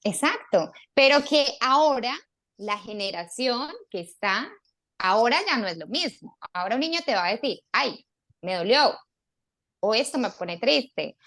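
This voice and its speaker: A woman co-hosting a casual podcast discussion, animated and telling personal stories with acted-out quotes. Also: on the high side. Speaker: podcast co-host.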